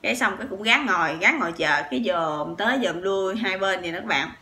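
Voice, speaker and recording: A woman with a Southern Vietnamese accent tells a long personal story to her channel. Her voice is bright and forward, and she talks in a chatty, animated way, piling up fillers and turning to her viewers again and again. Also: medium pitch, a little fast. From Sóc Trăng, southern Vietnam. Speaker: vlogger.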